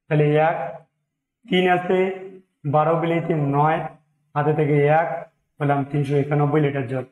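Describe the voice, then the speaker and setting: A man with a Bengali accent walks through percentage sums aloud as a maths teacher. He counts each step and mixes in English number words. His voice sits a little high for a man, and the room around him rings with echo. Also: fairly even intonation, normal speed, narrow, tinny audio. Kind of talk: exam-prep maths lesson, working problems aloud.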